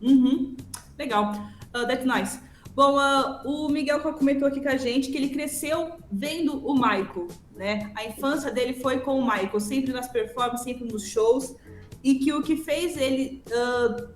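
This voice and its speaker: Female interpreter, high voice, fast Portuguese summaries, roomy echo. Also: faint music behind. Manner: relays answers in quick Portuguese summaries with frequent "uhum". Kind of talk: live interpreting between Portuguese and English.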